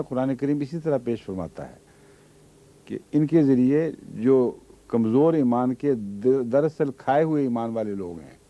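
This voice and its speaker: Man explaining scripture on lo-fi tape. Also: mid-range voice. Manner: explanatory, quotes Arabic verses then translates. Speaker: Quran teacher. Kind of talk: religious commentary lesson. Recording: dull lo-fi archive recording.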